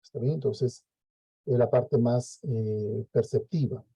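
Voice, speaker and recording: Man teaching, dark mellow voice. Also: mid-range voice, fairly even intonation, takes it slowly, slightly rough, dry recording, poor audio. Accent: Peruvian Spanish. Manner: explains with frequent "¿no?" checks and fillers. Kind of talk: lecture.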